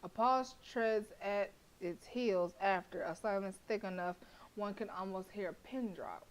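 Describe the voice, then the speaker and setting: In a mid-range voice that moves a little slowly, a young woman streams a horror visual novel and voices its narration. She breaks off for animated, blunt, profane reactions, laughing a lot.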